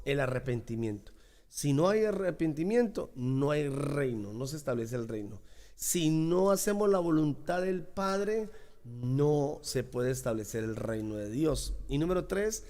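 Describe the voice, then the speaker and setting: A man's voice: on the high side, sing-song, unhurried, warm tone. A man preaching a sermon as pastor, emphatic and repeating key phrases.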